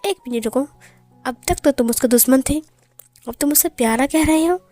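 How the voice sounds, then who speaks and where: A woman's voice: high-pitched, normal speed, dark tone, dry recording, faint music behind, lightly acted. A woman voicing a hot-tempered young male mafia boss who fires off angry, demanding questions.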